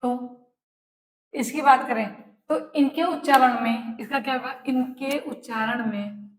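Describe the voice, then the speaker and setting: A woman teacher giving a lesson, repeating each phrase slowly for students to write down and answering her own questions. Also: sits high, steady tone. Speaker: Hindi teacher. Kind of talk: classroom lesson, dictating notes. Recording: echoey room.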